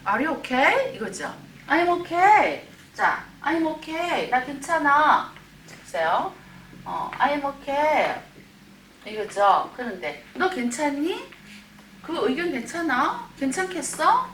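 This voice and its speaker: A woman's voice: sits high, big pitch swings, fairly bright tone. A woman teaching English grammar to older learners in a recorded online class, explaining patiently with many fillers and reading English examples in a Korean accent. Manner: drawn-out English example sentences. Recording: roomy, slightly distant mic with faint background hiss.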